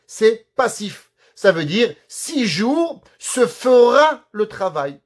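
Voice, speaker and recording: A man, a rabbi, giving a recorded Torah lesson, explaining Hebrew words and verses step by step and asking rhetorical questions. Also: sits high. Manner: explains Hebrew terms and verses slowly, teacher-like; lively, rhetorical questions to the audience. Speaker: rabbi teaching a class.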